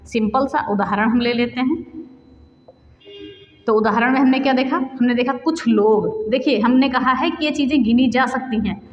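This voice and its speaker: A high-voiced woman teaches a grammar class for exam students, asking questions and then answering them herself as she lists example after example. Her voice rings in a roomy space with a long reverb tail. The recording is slightly dull and lo-fi. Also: moderate pace. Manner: mixes English words into Hindi. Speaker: Hindi teacher. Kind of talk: exam-prep grammar lesson.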